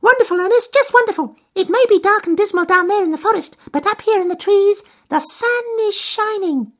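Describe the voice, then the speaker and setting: Male reader doing a chirpy cartoon robin, tiny and sky-high. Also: a little fast, fairly bright tone. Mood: cheerful.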